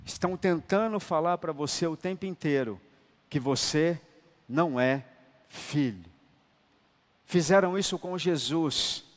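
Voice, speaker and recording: A man preaching a sermon, emphatic and colloquial, moving between loud declarations and hushed, tender lines and calling listeners brother. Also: a little high, unhurried, pauses often. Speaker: apostle preaching. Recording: long hall reverb.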